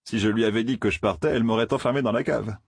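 A man's voice: lowish voice, racing, gravelly, husky, no echo, studio quality, voice pushed up. A man voicing a nervous, sarcastic young village man in a storybook reading. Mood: jittery.

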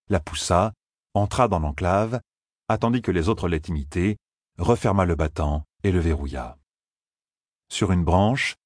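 A man reading an audiobook in a calm, measured storytelling manner. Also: low-pitched, no room sound, studio quality. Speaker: narrator. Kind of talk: audiobook narration.

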